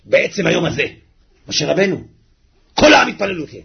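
A man preaching a sermon, swinging from hushed murmurs to wailing shouts and chanting scripture. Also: high-pitched, big pitch swings, gravelly, dull audio, background noise.

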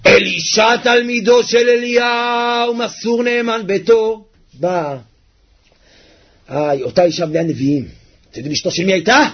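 A man preaching a sermon, swinging from hushed murmurs to wailing shouts and chanting scripture. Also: high voice, lo-fi sound.

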